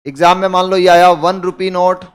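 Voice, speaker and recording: High-voiced Indian man teaching a class. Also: little pitch movement, a little fast, clear, resonant tone. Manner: explains with rhetorical questions to the class. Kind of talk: classroom lecture.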